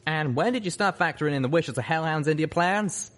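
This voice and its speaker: A man's voice: on the high side, fast, a bit bright, voice pushed up, lightly acted. A man voicing a young male pegasus pony, a folksy wisecracking friend who drawls in slang. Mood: wry.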